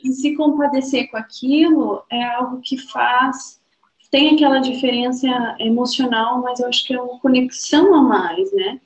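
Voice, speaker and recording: A woman's voice: high-pitched, moderate pace. Woman, podcast co-host, reflective casual chat, dull muffled sound. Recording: roomy, slightly dull sound.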